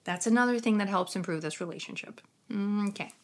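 A woman's voice: medium pitch, fairly quick. A woman with a Ukrainian accent chatting informally as a skincare specialist on a live Q&A, blunt and happy to swear. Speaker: skincare specialist answering live stream questions. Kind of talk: casual live Q&A chat.

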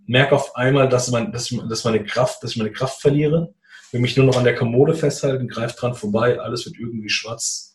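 A man in a casual conversation, telling a personal story in a lively way and acting out what people said. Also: medium pitch, reverberant, slight background noise. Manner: animated, acts out quoted dialogue. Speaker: guest telling his story.

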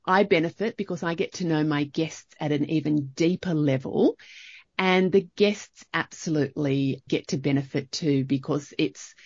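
A woman's voice: low-pitched, a little mellow, dry recording, lo-fi sound. A woman with an Australian accent hosting a casual podcast chat, effusive and enthusiastic. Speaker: podcast host.

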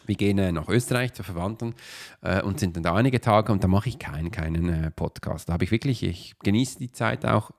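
A man's voice: low voice, brisk, vocal fry. A man hosting a podcast, talking casually at his computer in a rambling way full of filler sounds. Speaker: podcast host and coach. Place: at his computer while uploading a video.

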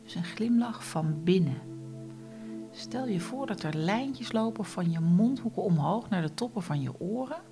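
Slow soft-spoken woman guide. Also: mid-range voice, expressive, creaky, faint music behind. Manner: slow, soft, often whispered instructions. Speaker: meditation guide. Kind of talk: guided relaxation meditation.

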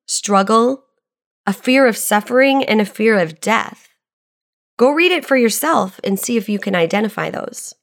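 Woman reading an earnest devotional reflection. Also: mid-range voice. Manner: earnest, measured, personal storytelling.

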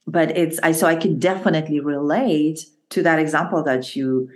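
A woman's voice: deep voice, normal speed. A woman hosting a podcast interview, chatty and encouraging, with many fillers as she talks. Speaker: podcast host. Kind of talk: casual interview conversation.

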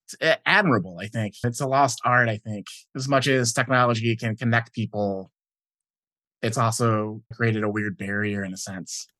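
Relaxed male podcast host. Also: fairly low pitch, normal speed, no echo. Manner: relaxed, agreeable, brief replies. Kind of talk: conversational interview.

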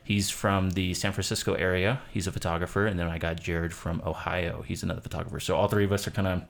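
A man's voice: low-pitched, fairly even intonation, fast talker, gravelly. A man hosting a podcast, introducing his guest in a loose, rambling way with many ums. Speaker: podcast host. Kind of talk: casual chat. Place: cabin.

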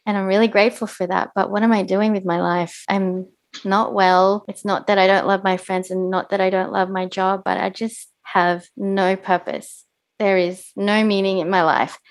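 A young woman, a life coach, telling a personal story in an interview, earnest and often laughing. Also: mid-range voice. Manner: earnest, laughs often, acts out her past self.

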